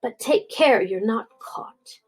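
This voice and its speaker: A proud, blunt talking war horse out of a storybook, bossy and a little scornful, as a grandmother reads him aloud. The voice is high and husky, taking its time. It sounds like an older woman putting on a stallion's swagger. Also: expressive, takes it slowly, soft background music, exaggerated voice, poor audio. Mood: coaxing. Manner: scornful, bossy, then gently coaxing.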